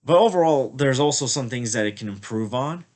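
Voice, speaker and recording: A brisk man with a mid-range, slightly mellow voice and lively intonation gives a casual spoken movie review. Mildly sick with a cold, he sniffles a little and rambles, using many "like" and "I feel like" fillers.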